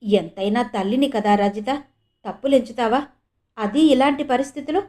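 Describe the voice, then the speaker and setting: A woman's voice: fairly high pitch, normal speed, warm tone, close to an everyday voice. A woman voicing an ailing, bedridden older mother who pleads with her daughter. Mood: pleading.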